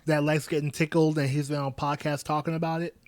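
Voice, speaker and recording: A man's voice: a little high, little pitch movement, fast talker, no echo. A man co-hosting a podcast in casual chat, joking and trailing off into fillers. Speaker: podcast co-host.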